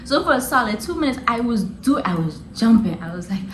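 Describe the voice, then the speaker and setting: Animated young woman with lively pitch. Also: fairly quick, echoey room, slight background noise, low-quality recording. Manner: animated, slangy, laughing often. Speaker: vlogger. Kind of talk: casual storytelling.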